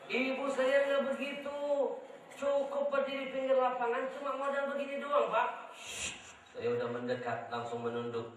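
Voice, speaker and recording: A man preaching a sermon at a religious gathering. He is lively and joking, and he often asks the crowd for agreement. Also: very high voice, moderate pace, distant mic. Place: large outdoor religious gathering. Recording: echoey sound system heard from afar, with noise.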